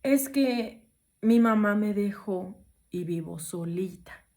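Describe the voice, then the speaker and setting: A woman's voice: mid-range voice, animated, slow, dark tone. A woman quoting a sad lonely little girl. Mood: pleading. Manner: plaintive, pleading.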